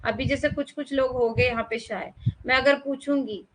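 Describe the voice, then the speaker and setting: A woman's voice: high-pitched, fairly even intonation, moderate pace, a bit bright, a little hiss or hum, poor audio. A young woman teacher giving a chatty exam-prep lecture, mixing English terms into her explanations and asking her students questions.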